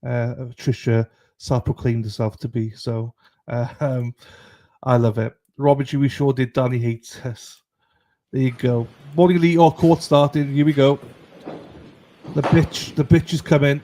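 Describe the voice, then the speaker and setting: A man's voice: medium pitch, fairly even intonation, a little slow, mellow. A man hosting a livestream in casual chat, greeting viewers in a matey, irreverent, sweary way. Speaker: livestream host.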